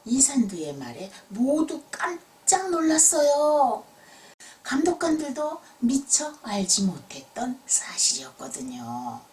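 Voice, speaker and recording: Slow, very animated woman storyteller. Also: high voice, recorded from a distance. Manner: gentle explanatory storytelling with dramatic emphasis. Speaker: children's storyteller. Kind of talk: expressive fairy-tale narration for children.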